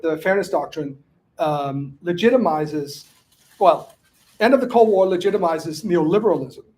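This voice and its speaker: A Danish man, an author, answers audience questions in a casual academic talk, halting often with many restarts and fillers. His voice is on the high side with a darkish tone.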